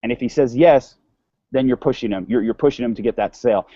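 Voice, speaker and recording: A man's voice: medium pitch, fast, warm tone, no echo, muffled recording. A man giving an online sales course lecture in a casual way, often repeating words and restarting sentences. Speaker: sales instructor.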